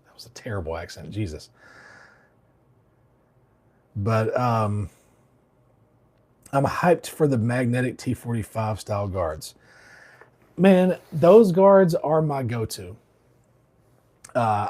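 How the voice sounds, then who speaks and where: A man's voice: lowish voice, expressive, unhurried, long pauses, a little mellow. A man from Alabama, hosting a barber livestream, chatting casually and reading out comments while a bit under the weather. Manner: rambling, laid-back, many fillers and restarts.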